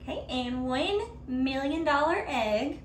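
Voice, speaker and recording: A woman in her thirties, a baking vlogger, chats with viewers while baking desserts in her home kitchen for a casual tutorial, upbeat and talkative. Her high voice has lively intonation but a slow pace, and the recording is very noisy.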